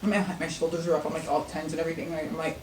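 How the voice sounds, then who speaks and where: A woman's voice: sits low, flat delivery, rapid-fire, slight background noise. A woman vlogger chatting casually and teasing her partner during an eating challenge. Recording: echoey room, mic at a distance.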